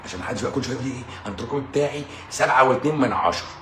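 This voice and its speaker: Man, Egyptian Arabic accent, rapid-fire talk, sarcastic and combative, repeats points for emphasis, echoey room. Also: mid-range voice, sharp tone, slight background noise. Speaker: doctor hosting a live stream. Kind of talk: casual live-stream monologue.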